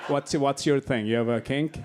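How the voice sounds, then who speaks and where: A man's voice: mid-range voice, moderate pace, very noisy. Brash young man from Bangladesh doing stand-up. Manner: brash, crass, teasing banter with the crowd. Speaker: stand-up comedian. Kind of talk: stand-up set with crowd work. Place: comedy club stage. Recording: club set with roaring crowd laughter. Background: loud audience laughter.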